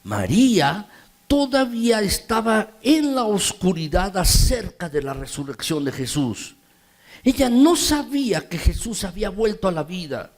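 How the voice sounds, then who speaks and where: A man with a Mexican Spanish accent delivers a sermon in a rather high voice. He reads scripture slowly, then preaches with rising emphasis. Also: sing-song. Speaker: pastor.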